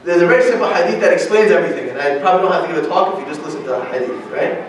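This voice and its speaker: This American guest lecturer at an Islamic center has a high voice and talks at a racing pace, delivering an informal, relaxed religious talk to young adults. He keeps it conversational, frequently asking "right?" to check in with listeners. Recorded on a distant mic, his voice rings through a very reverberant hall over a faint hiss of noise.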